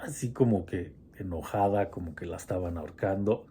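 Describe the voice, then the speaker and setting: A man's voice: deep voice, moderate pace, dark tone, slight background noise. A man telling a personal horror story in a casual, hesitant way, with many restarts.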